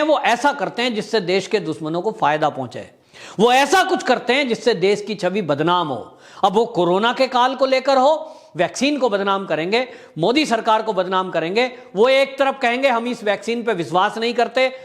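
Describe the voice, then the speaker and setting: A man's voice: very high-pitched, a bit bright. A man delivering an impassioned political commentary monologue as a commentator, full of rhetorical questions.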